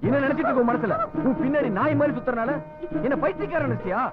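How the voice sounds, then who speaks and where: A man's voice: very high voice, very fast. An actor playing an insistent, exasperated young suitor who chases a woman in a film drama. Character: rich young suitor turning from pleading to insult. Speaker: film character. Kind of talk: Tamil film drama acting. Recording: tinny lo-fi film audio from a distance. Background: film score music.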